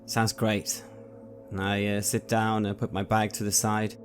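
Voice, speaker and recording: A man with a lowish voice speaks in character during a tabletop game, earnest and halting. Quiet music runs beneath him. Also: monotone. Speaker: player. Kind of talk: in-character tabletop role-play. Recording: faint music behind.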